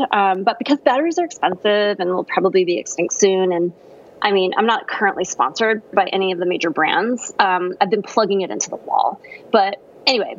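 Lady doing a breathy new-age radio caller, airy and earnest, dull lo-fi line. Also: medium pitch. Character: dreamy new-age woman caller, earnest wellness devotee.

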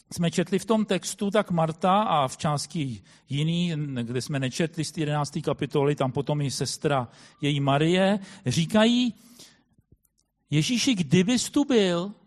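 A man preaching a sermon in a thoughtful way, often pausing with hesitant fillers as he explains. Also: a little high. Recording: long hall reverb.

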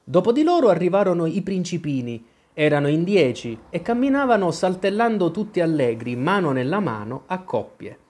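Expressive storybook narrator. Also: medium pitch, moderate pace, few pauses. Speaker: audiobook narrator. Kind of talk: scripted narration.

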